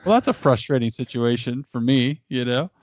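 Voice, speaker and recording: A married adult man, appearing as a guest, gives casual advice in a long explanation, often restarting and repeating his words. His voice is medium-pitched with lively intonation at normal speed. The audio is dry, dull and lo-fi, with no echo.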